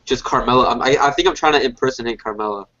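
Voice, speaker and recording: A man's voice: mid-range voice, racing, pushed and bright. Congested man rambling on a lo-fi podcast. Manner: rambling, filler-heavy, frequent restarts. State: congested, a little sick. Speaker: podcast co-host. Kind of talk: casual wrestling review chat. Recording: dull lo-fi podcast audio.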